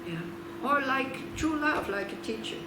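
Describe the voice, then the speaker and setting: A Swiss Buddhist nun with a high, lively voice speaks a little slowly in an informal teaching talk. She's chatty, with laughing asides and rhetorical questions, recorded on a distant mic in a roomy space with background noise.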